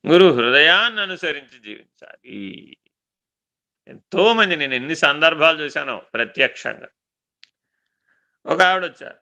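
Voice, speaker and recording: A male spiritual teacher delivering a devotional discourse with a somewhat high voice that has a gravelly edge. He tells stories with animated energy, repeats phrases for emphasis, and stretches key words out slowly. His tone is sharply bright and forceful. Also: lo-fi sound.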